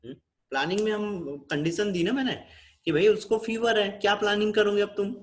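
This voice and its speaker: A man's voice: sits high, fairly quick. A man with an Indian accent teaching a nursing class over a video call, often checking with his students and mixing in English terms. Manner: switches between Hindi and English. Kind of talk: online class lecture.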